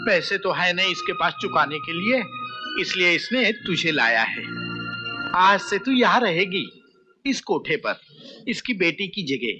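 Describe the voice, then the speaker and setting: A cruel, mocking brothel madam with a piercingly high voice. The madam barks orders and jeers at the people around her. The film audio is muffled, with loud music underneath. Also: very animated, unhurried, exaggerated voice. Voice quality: shrill, taunting, bossy. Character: ruthless hijra brothel madam, mocking and domineering. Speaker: brothel keeper.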